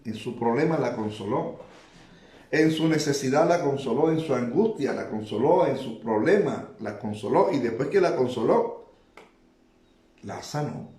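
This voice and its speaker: Man, preacher, middle pitch, repeats phrases, echoey room. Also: darkish tone. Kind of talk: sermon.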